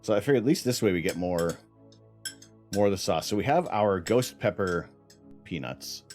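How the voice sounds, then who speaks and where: A man hosting a live stream, chatting with viewers and thanking them, laughing and clearing his throat between bites of hot peppers. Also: lowish voice, lively intonation, moderate pace, a little mellow, soft background music. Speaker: livestream host. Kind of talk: casual live-stream chat.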